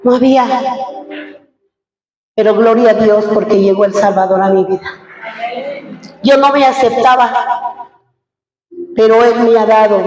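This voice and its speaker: A woman's voice: medium pitch, a little mellow. Woman pastor in an echoey hall. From Mexico. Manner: emotional, asks the congregation many rhetorical questions. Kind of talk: church testimony to a congregation. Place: large church hall. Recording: echoey hall heard from far off.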